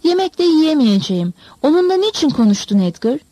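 A woman's voice: high-pitched, very animated, fairly quick, warm tone, no echo, pitched above the performer's own voice, rough recording. A woman voicing an upset, fiery young girl in a storybook reading, scolding a boy. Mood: reproachful. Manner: scolding, reproachful.

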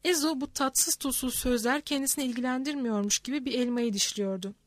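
A woman reading a novel aloud as an audiobook narrator, in a steady, even way, recorded close and dry. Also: high voice, fairly quick, dry recording. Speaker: audiobook reader. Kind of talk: scripted narration.

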